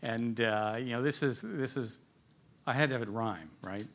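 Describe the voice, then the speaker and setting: Speaking at normal speed in a slightly bright, mid-range voice, a man delivers a casual business talk at a conference. His style is conversational and lightly humorous storytelling, and he chuckles at his own side remarks.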